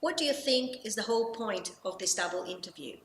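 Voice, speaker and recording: A woman interviewer asking brisk, direct questions. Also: mid-range voice, lively intonation. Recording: echoey hall, faint background noise.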